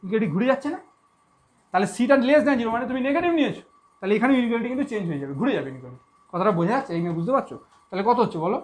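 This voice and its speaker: Fast-talking woman math teacher. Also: a little high, darkish tone. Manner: repetitive, keeps checking understanding. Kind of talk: classroom math lesson.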